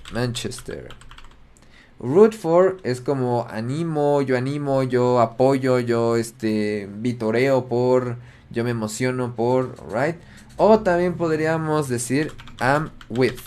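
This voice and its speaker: A male teacher runs a live online English lesson. He talks in an ordinary mid-range voice and drops into slow, deliberate English example sentences. He reads out viewers' chat answers and replies to them by name. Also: medium pitch. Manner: switches between Spanish explanations and slow, carefully spoken English examples.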